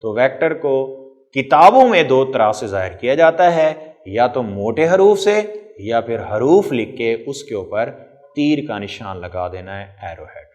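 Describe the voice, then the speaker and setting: A man's voice: medium pitch, very animated, unhurried, darkish tone. A middle-aged man teaching a physics class. He asks the class questions, answers them himself, and stretches out key terms. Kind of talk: classroom lecture.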